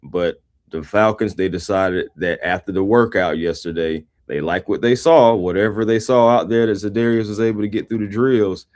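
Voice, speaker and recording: A man's voice: on the low side, normal speed, darkish tone. A man co-hosting a live sports show, chatting casually and animatedly, greeting the chat and talking football. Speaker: sports podcast co-host.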